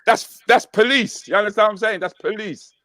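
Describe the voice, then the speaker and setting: A man's voice: sits high, fairly quick, bright, forceful tone. A man hosting a casual chat as a comedian, teasing his co-host and laughing often. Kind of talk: casual banter.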